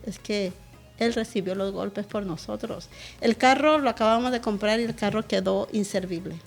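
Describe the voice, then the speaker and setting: Woman pastor telling her testimony. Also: medium pitch. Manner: emotional, vivid storytelling. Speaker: pastor, interview guest. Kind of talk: interview, personal testimony.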